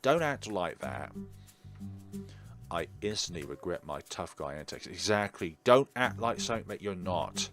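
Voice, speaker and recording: Low yet a bit bright, his animated voice moves at normal speed as he hosts a let's play. He performs the visual novel's text expressively, breaking in with casual asides, while game music plays.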